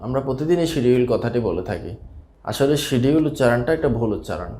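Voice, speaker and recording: A man teaches English pronunciation in a steady voice of middle pitch, saying each word slowly and then saying it again. The sound is echoey, as if he is in a bare room. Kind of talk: scripted lesson narration.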